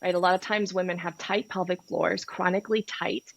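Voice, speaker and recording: A woman's voice: lowish voice, fairly even intonation, a little fast, gravelly, low-quality recording. A woman from Peru, a sex and relationship coach, talking frankly and passionately as a podcast guest. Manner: candid, passionate, frank with swearing. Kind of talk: podcast interview.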